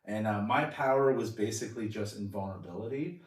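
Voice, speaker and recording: A man's voice: fairly low pitch, brisk. A man, a comedian guest, chatting casually and rambling with crude jokey asides. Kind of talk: casual interview chat. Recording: roomy echo, distant mic.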